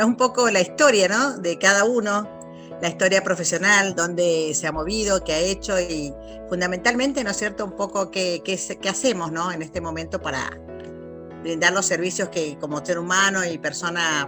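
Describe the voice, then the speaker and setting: A middle-aged Argentine woman answering interview questions in a thoughtful, reflective way, often checking in with short question tags. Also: on the low side. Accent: Argentine Spanish. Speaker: interview guest, lawyer and researcher.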